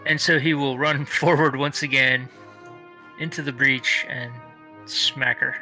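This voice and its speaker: Animated bright-voiced man player. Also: mid-range voice, measured pace, faint music behind, poor audio. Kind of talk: casual tabletop play.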